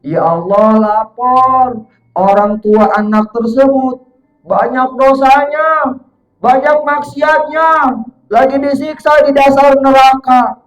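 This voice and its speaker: A stern guardian angel booms out reports and scoldings, as a man acts him out. The voice is pushed high and loud, with the echo of a roomy space. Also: fairly even intonation, slow pace. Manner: booming, scolding. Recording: echoey room, faint music.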